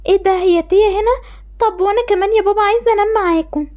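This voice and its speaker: A tearful, pleading young girl, voiced by a woman with an Egyptian accent, sounding very high. She talks quickly, as a storybook game character who feels rejected by her family. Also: darkish tone, highs cut off. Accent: Egyptian Arabic.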